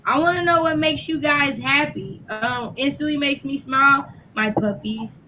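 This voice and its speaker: A woman hosting a relaxed crochet livestream, upbeat and chatty as she reads out viewer comments. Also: high voice, normal speed, slight background noise, poor audio. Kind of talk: casual chat.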